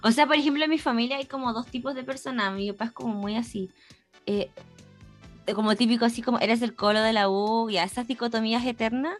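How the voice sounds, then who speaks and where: A woman's voice: fairly high pitch, quick pace, faint music behind. A young woman with a Chilean accent, chatting casually as a podcast co-host, slangy and prone to tangents. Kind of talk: casual chat.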